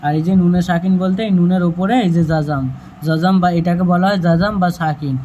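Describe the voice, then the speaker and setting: A patient Quran reading teacher drills the letter sounds again and again, stretching some words out slowly. The voice is mellow and relaxed, over a faint steady hiss. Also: mid-range voice, low-quality recording. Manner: slow drawn-out chanting of prayers and words.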